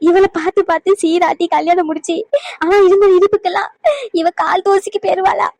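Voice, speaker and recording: A woman's voice: very high-pitched, steady tone, brisk, a little mellow, no room sound. Woman playing a wailing, cursing mother-in-law. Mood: complaining. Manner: lamenting, sing-song wailing with curses. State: crying.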